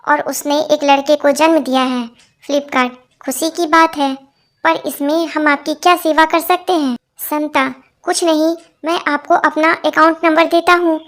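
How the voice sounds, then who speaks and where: This is scripted narration of short jokes, read by a woman with a high voice who uses one even voice for every part.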